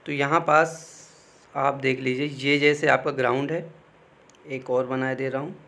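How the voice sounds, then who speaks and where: Unhurried and steady, this young exam guidance YouTuber speaks at medium pitch with a creaky, slightly bright voice. His style with students is conversational, and he repeatedly checks in by saying "okay."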